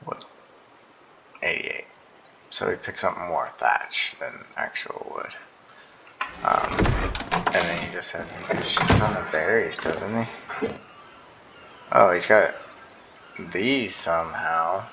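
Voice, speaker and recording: A man's voice: low voice, slow pace, gravelly, long pauses, pushed and bright, a little hiss or hum, low-quality recording. A man giving casual, rambling gameplay commentary, tired and yawning, with many ums. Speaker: gaming YouTuber.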